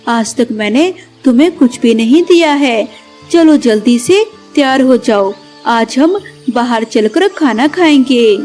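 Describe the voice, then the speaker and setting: A woman's voice: on the high side, animated, slow, a little mellow, faint music behind, voice pushed down. A woman voicing a loving young male sparrow husband in a cartoon, speaking in an affectionate, coaxing way.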